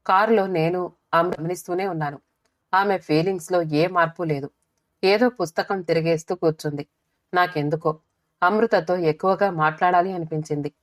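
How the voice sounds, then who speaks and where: A woman narrating a first-person audiobook story in a steady, measured reading. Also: lowish voice, no echo.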